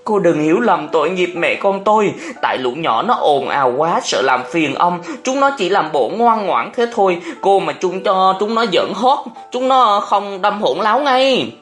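A woman's voice: lowish voice, animated, moderate pace, hardly any pauses, soft background music, voice pushed up, lightly acted. A man voicing a poor, humble mother who answers defensively in a storybook reading. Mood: meek. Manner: meek, self-pitying, then stern.

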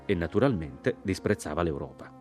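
A man reading a literary audiobook aloud, dry, ironic and deliberate in delivery. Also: deep voice, lively intonation, darkish tone, faint music behind. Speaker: audiobook reader.

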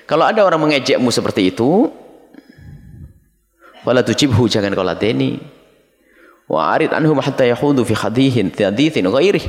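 A middle-aged man preaching a dawn sermon, reading Arabic phrases and explaining them to his listeners as his children. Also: medium pitch. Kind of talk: dawn sermon teaching from a text. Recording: long reverb of a large hall.

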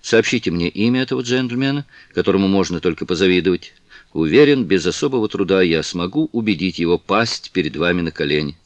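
A composed aristocratic gentleman, read by a man with a deep, low voice, unhurried and measured. The sound is dry and close, with no room around it. He talks with calm authority, the way a storybook lord would. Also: dry recording. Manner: slow, measured, condescending calm. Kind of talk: audiobook character reading.

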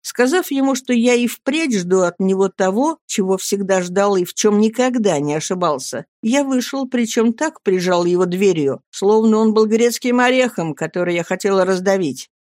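A man narrating a first-person novel as an audiobook, in a lively, emphatic storytelling manner. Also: high-pitched, moderate pace, few pauses, dry recording, clean studio sound.

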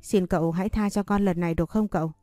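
A woman's voice: lowish voice, steady tone, fast, mellow, no echo, clean studio sound, soft background music, lightly acted. A woman reading a storybook voicing a frightened teenage servant girl who stammers and pleads. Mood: pleading.

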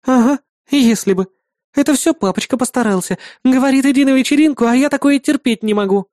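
A man's voice: extremely high pitch, a little fast, a little mellow, no room sound, studio quality, voice pushed up. A man voicing a coy, teasing young woman.

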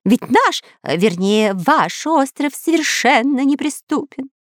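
A woman's voice: high voice, very animated, unhurried, no echo, clean studio sound, pitched above the performer's own voice. A woman voicing a cowardly, fawning male pet parrot in a storybook reading, squawky and stammering. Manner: squawky, eager to please, stammering. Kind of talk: storybook narration.

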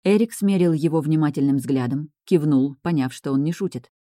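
Low-voiced woman narrating a novel. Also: a little fast, mellow, no echo, clean studio sound. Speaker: audiobook narrator. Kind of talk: scripted narration.

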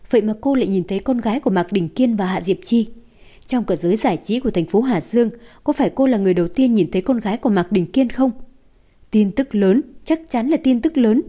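A woman narrating a romance novel in an even, steady storytelling voice. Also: mid-range voice.

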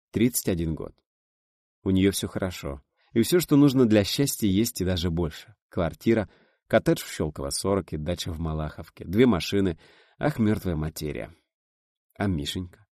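Lively low-voiced male audiobook narrator. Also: moderate pace, dry recording, studio quality. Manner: expressive storytelling, voices each character.

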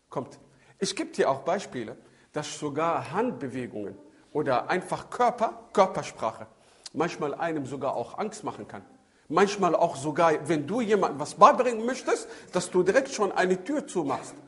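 Animated high-voiced male preacher. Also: normal speed. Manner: animated storytelling with shifting emphasis; sprinkles Arabic religious phrases. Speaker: Islamic preacher. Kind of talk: religious talk on child-rearing.

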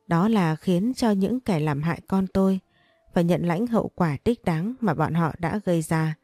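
A woman narrating a first-person audio story in a calm, measured voice. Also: lowish voice, no room sound.

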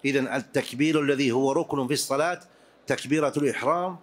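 A man teaching Islamic jurisprudence to a class, explaining prayer rules deliberately and repeating key points for his students. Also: medium pitch.

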